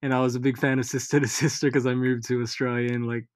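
A guest musician in his thirties, a native Tagalog speaker, chats casually in an interview with a mid-range voice. He sounds relaxed yet hesitant, pausing often.

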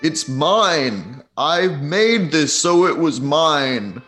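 Guy doing a big lion spirit king for a tabletop game, resounding and loud, proud n defensive, soft music behind. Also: a little high, expressive, extremely slow, pitched above the performer's own voice, heavily acted. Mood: proud, insistent.

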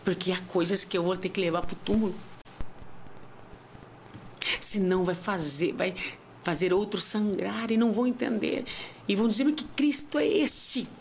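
A woman telling her personal faith story as a podcast guest, heartfelt and sometimes tearful, dropping to near whispers and then rising to high, emphatic cries. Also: fairly even intonation, normal speed, vocal fry, long pauses, darkish tone, slight background noise. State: tearful at times. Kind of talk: emotional faith testimony.

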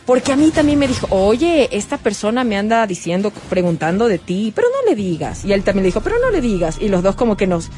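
A woman co-hosting a radio show, telling a personal story in an animated way and acting out the quoted voices. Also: medium pitch, fast talker, few pauses, faint music behind. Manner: lively, acts out quoted voices. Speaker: radio co-host.

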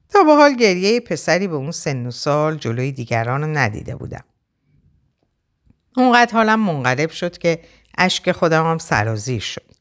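A woman reads a novel aloud in the first person with a low voice. Her pitch rises and falls a lot, which makes her storytelling sound expressive. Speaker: narrator. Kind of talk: audiobook reading of a novel.

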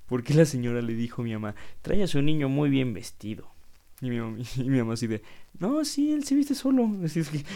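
A man in his twenties with a Mexican accent, hosting a casual solo podcast and telling stories in an animated, slangy way full of swearing. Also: medium pitch, creaky, a little hiss or hum. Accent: Mexican Spanish. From Querétaro, Mexico. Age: 20s. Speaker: podcast host.

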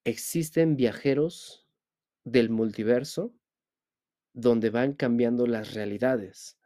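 A man's voice: medium pitch, slow pace, mellow. A man hosting a spiritual podcast, talking directly to the listener and asking rhetorical questions. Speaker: podcast host.

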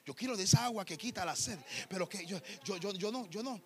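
A man's voice: high voice, fairly quick, natural voice. A man voicing a flustered, scheming Samaritan woman who stammers and frets as she dodges a question. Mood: fretful. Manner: fretful, stammering.

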